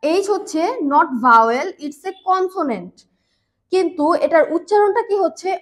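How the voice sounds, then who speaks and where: A woman teaching English grammar in a patient, repetitive way, slowing down on key words and using fillers. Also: very high voice, lively intonation. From Bangladesh. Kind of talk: grammar lesson explanation.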